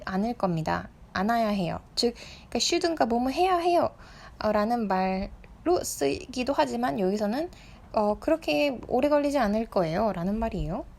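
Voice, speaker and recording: A woman teaching an English lesson online, explaining expressions step by step, asking her students questions and reading example lines slowly. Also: on the high side, expressive, gravelly, darkish tone.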